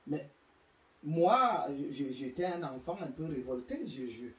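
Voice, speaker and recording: A woman's voice: deep voice, big pitch swings, unhurried. A woman from Africa lectures on parenting, emphatic and scolding, often stumbling over repeated words. Her voice rings in an echoey room. She stands at some distance from the mic. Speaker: speaker giving parenting advice. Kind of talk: impassioned monologue to an audience. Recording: roomy sound, mic far off.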